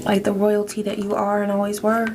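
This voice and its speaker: Music runs under a woman's spiritual tarot reading. Her mid-range voice is brisk and completely flat, though her words aim to soothe and affirm the listener.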